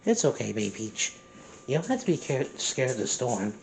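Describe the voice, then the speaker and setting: A performer voicing the characters in an amateur plush toy skit, talking in a soothing, halting way and often restarting. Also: medium pitch, big pitch swings, gravelly, a little mellow, slight background noise, rough recording.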